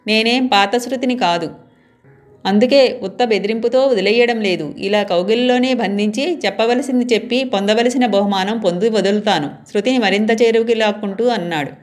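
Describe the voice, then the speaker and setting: Woman reading a romance story aloud. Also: mid-range voice. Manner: voices the dialogue of both lovers in her own voice.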